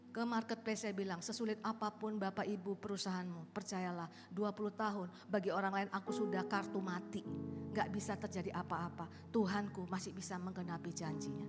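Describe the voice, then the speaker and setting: A woman in her late fifties preaches to a congregation, swinging from low asides into loud, lively exclamations. Her voice carries a long reverb through a large hall, with soft music playing underneath. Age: 50s. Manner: animated storytelling, rising to loud exclamations. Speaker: pastor. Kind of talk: sermon. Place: large church auditorium.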